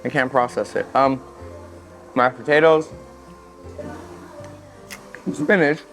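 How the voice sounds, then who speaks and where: A man vlogging a family trip, talking fast and excitably while eating at a restaurant. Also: mid-range voice, faint music behind, rough recording. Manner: fast-talking, excitable, talks with mouth full. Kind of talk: casual chat.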